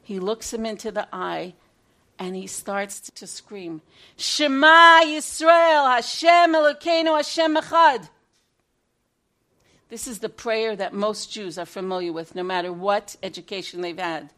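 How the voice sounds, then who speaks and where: A woman teaching through a dramatic story, her voice swinging between loud bursts and hushed passages. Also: medium pitch, steady tone, moderate pace.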